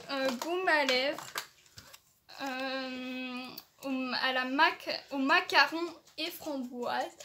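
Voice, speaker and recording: Over a noisy background, a high-voiced beauty vlogger shows off advent calendar beauty products in a casual way. She hesitates, restarts, and uses many fillers while gushing enthusiastically over each item.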